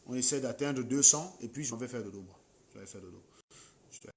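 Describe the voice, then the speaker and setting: A man's voice: mid-range voice, brisk. Combative man live-streaming late at night. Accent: Cameroonian French. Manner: scolding, combative, mocking commenters.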